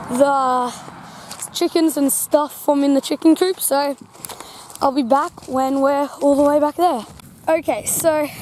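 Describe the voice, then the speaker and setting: A woman's voice: high-pitched, darkish tone. A woman vlogging from a farm paddock, chatting loosely into a handheld camera with lots of fillers. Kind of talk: casual vlog narration. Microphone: handheld camera mic. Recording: noisy outdoor camera audio. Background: outdoor ambience, animals, vehicle.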